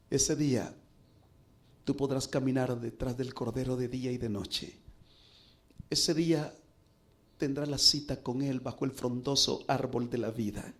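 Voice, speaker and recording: A middle-aged pastor preaching, telling a personal story earnestly with dramatic pauses. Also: male voice, medium pitch, a bit bright. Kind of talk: sermon storytelling.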